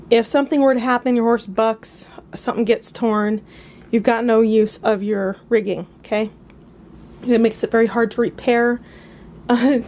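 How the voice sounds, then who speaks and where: Woman, riding instructor, fairly high voice, chatty and upbeat, occasional coughs, faint background hiss. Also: a little mellow. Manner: chatty, upbeat, with fillers and asides. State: coughing at times. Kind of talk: casual instructional demonstration.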